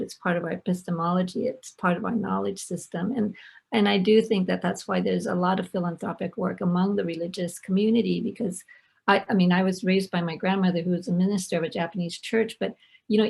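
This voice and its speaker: Older woman panelist, thoughtful, rasp and fry in the voice, joins by video call. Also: medium pitch, a little mellow. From Los Angeles, United States. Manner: reflective, repeats words, asks rhetorical "right?". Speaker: panelist, former professor. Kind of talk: panel discussion. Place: home, remote video call.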